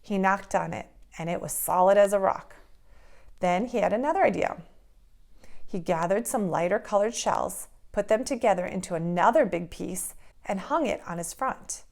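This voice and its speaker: A preschool teacher, a woman, reading a folktale aloud to children in an expressive storytelling manner. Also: medium pitch, creaky. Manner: expressive, slow storytelling pace.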